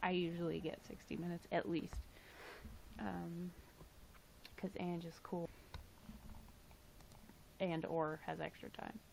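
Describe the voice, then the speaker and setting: A woman's voice: fairly low pitch, flat delivery, slow, gravelly, long pauses, a little mellow, slight background noise, poor audio. A young woman casually chatting on her livestream, reading chat aloud and filling her talk with "like" and "um", her voice tired. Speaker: livestream host.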